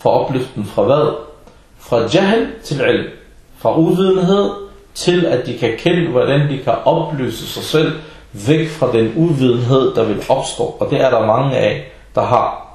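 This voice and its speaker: A man's voice: medium pitch, darkish tone. Blunt preacher man in echoey room. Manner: blunt, scolding, sarcastic. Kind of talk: informal Islamic talk.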